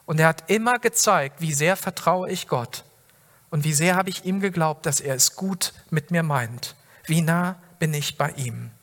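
A man's voice: fairly high pitch, unhurried, fairly bright tone. A male pastor giving a sermon, speaking earnestly and directly to the listener with many rhetorical questions. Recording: long hall reverb.

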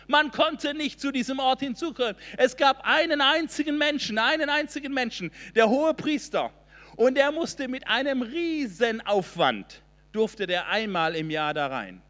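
Male preacher, high-pitched and emphatic, sermon in a reverberant church hall. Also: fairly bright tone. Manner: impassioned, emphatic preaching with repeated phrases.

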